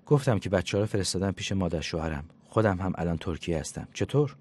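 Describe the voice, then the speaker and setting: A man's voice: low-pitched, lively intonation, a little mellow, husky. A man voicing an insistent woman psychologist friend who scolds and coaxes by turns in a storybook reading. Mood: scolding. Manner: scolding yet coaxing, talks fast and insistently.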